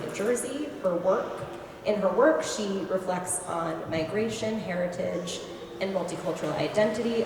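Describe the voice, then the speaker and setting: A woman hosting a museum talk, reading prepared introductions in a measured way with some fillers. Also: lowish voice. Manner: measured, with fillers and small restarts. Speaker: museum host introducing artists. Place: large museum gallery. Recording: echoey gallery with long reverb and noise.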